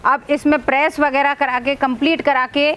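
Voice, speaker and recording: A woman's voice: sits high, level tone, moderate pace, a bit bright. A woman in her thirties hosts a business video, asking a seller questions and talking to viewers in an upbeat way inside a large warehouse on a lapel mic. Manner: upbeat, addressing viewers as friends. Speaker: host. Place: large clothing warehouse indoors. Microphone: clip-on lapel mic.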